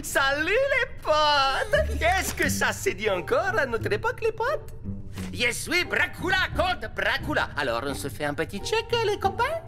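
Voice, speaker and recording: An actor voicing a lonely, jovial vampire count who loves jokes in a French cartoon, theatrical and effusive. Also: male voice, very high-pitched, wildly swooping pitch, measured pace, over music, heavily acted. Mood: effusive, needy.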